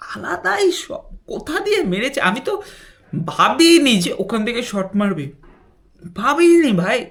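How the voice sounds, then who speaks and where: A football reaction vlogger, reacting to a match in an excitable, slangy chat that swings from hushed asides to yelling. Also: medium pitch.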